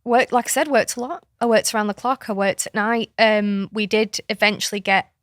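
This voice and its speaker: A woman's voice: medium pitch, fairly even intonation, fairly quick, a bit bright, no echo. Woman chatting on a podcast, earnest and open, dry close sound. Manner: earnest, chatty, emotional storytelling. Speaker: podcast host sharing a personal story. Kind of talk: casual podcast chat.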